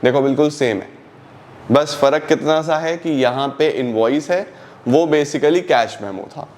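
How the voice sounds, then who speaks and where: A man's voice: a little high, a little mellow. A young man teaching an online accountancy lesson, explaining step by step and asking and answering his own questions. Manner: reads English definitions slowly, explains in Hindi.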